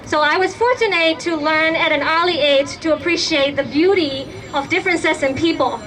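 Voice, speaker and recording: A woman's voice: sits high, normal speed, fairly bright tone. A young woman from Burma giving an impassioned, emphatic speech to a crowd at a protest rally. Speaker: rally speaker.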